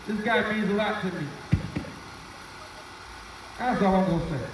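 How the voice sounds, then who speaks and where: A man with a high-sitting voice emcees a night rally in an outdoor plaza, speaking unhurriedly and earnestly into a handheld mic and repeating his key phrases to the crowd. His voice comes through speakers with an echoey PA sound, filmed from afar on a phone with background noise.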